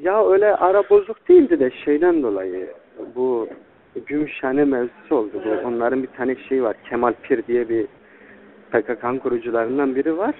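A young man talks casually over a tinny, narrow phone line. His pitch moves around in a lively way, and his manner is deferential, as if answering an older friend. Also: a little fast. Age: young adult. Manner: deferential, repeatedly addressing the listener as older brother. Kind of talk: informal phone conversation. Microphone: telephone. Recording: tinny, band-limited recorded phone call.

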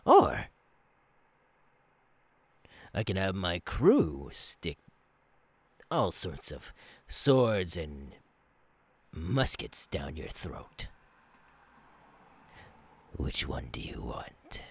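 A menacing clown pirate captain in an ASMR role-play. He is theatrical and gleefully cruel, drawling very slowly in a raspy, husky voice that swoops from hushed threats to barks. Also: deep voice, wildly swooping pitch, full character voice. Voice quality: raspy, gravelly.

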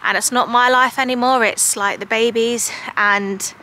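A woman's voice: fairly high pitch, steady tone, normal speed, sharp tone, a little hiss or hum. A woman in her thirties, talking casually and frankly to camera as a vlogger, rambling with lots of "like" and "um". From United Kingdom. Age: 30s. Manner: rambling, filled with likes and ums; frank, confiding.

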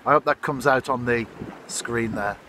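Holding a phone out at arm's length, the fisherman, a man in his fifties, films himself on coastal rocks and casually tells his audience how the day is going. He has a mid-range voice and a moderate pace, and background noise can be heard.

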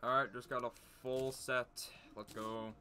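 A man's voice: medium pitch, flat delivery, measured pace, sharp tone, slight background noise. A man playing a video game with a friend, talking curtly and swearing offhandedly. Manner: blunt and curt, swears offhandedly. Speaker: gamer co-host. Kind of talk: casual gaming banter.

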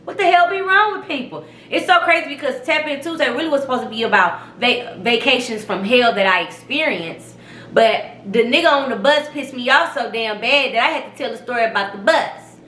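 A young woman hosting her own vlog, telling a story in a profane, emphatic, animated way. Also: a little high, fairly quick, reverberant. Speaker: vlog host. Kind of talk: casual storytelling rant.

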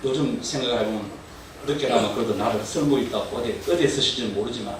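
A man's voice: mid-range voice, fast. Man in his sixties, echoey hall. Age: 60s. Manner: earnest, chuckling, lively storytelling. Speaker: deacon giving a testimony. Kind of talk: church testimony. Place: church training hall. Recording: echoey hall from far off with noise.

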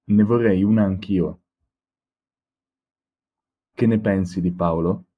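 Slow, husky low-voiced man. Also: fairly even intonation, phone-quality sound. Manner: slow, deliberate, carefully spaced. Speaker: language teacher reading examples. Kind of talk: slow read-aloud example sentences.

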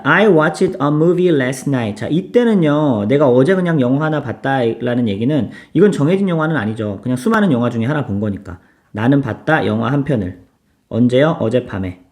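A man teaching English grammar in a casual, chatty lecture, switching between relaxed and polite speech and asking students to repeat examples. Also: medium pitch.

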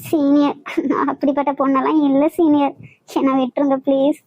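A woman's voice: sits high, flat delivery, fairly quick, darkish tone, dry recording, low-quality recording. A woman voicing a timid young college girl with childlike speech and a Kanyakumari Tamil accent, nervous and stammering. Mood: pleading.

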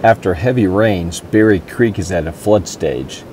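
A travel vlogger in his forties chats casually to a handheld camera held at arm's length, outdoors on a lakeside dam and inside his camper van, chatty and upbeat with frequent fillers. His voice is low-pitched and a little slow, against a noisy background. The clip mixes casual vlogging with voice-over narration.

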